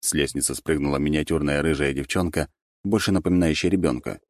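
A man narrating an audiobook in a wry, expressive way. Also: a bass voice, fast, no room sound, studio quality.

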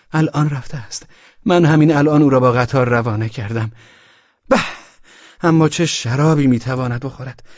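A man's voice: no room sound, dull audio. A man voicing a drunk, breathless young man who talks eagerly with a stammer. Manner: eager, stammering, high-pitched and rushed.

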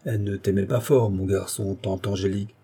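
A pompous middle-aged villager who lectures everyone, as a man reads him. The voice is husky and mellow. It is read as part of a classic novel audiobook. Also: on the low side, fairly even intonation, a little fast. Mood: lecturing.

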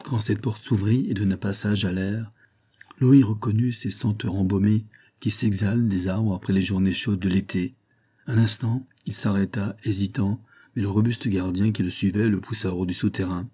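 A male audiobook narrator with a low, dark voice and a husky grain. He reads a classic novel at a steady, measured pace.

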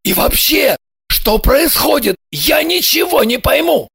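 A woman voicing a flustered, quick-tempered middle-aged male boss in an audiobook, with a gravelly, breathy, slow manner. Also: fairly low pitch, expressive, a bit bright, no echo, studio quality, full character voice. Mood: shouting. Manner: slow, blustering. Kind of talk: audiobook character voice.

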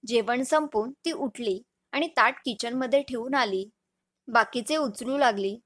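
A woman tells a romantic story in a gentle, measured storybook reading. Her voice is high and she takes her time over each line. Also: no echo. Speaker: story narrator.

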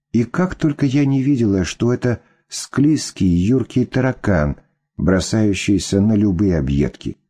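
A man reading a story as an audiobook narrator, measured and expressive. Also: on the low side, slightly rough. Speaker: audiobook reader.

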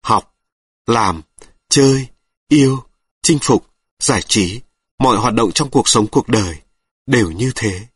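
A man reading reflective prose aloud in slow, measured scripted narration. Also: mid-range voice, breathy edge, no room sound. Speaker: reader of an audiobook.

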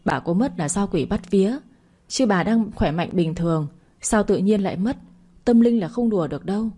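A woman's voice: medium pitch, expressive, moderate pace, warm tone, breathy edge. A woman voicing a young maid from the countryside who speaks in an earnest, worried way, in an audio story. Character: young female maid from the countryside, anxious and superstitious.

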